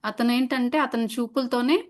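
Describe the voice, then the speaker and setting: A woman voicing a wise, gentle spiritual mother figure who speaks in a calm, reassuring way. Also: fairly high pitch, normal speed, close to an everyday voice.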